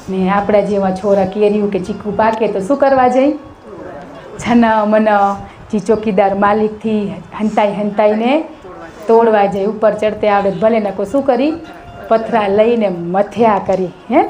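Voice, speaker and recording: ગુજરાતી સ્ત્રી, ગુંજતા ઓરડામાં સત્સંગ કથા. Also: female voice, mid-range voice, darkish tone. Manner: conversational, often asks listeners "hem?". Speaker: satsang speaker. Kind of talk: devotional storytelling sermon. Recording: echoey room with faint music.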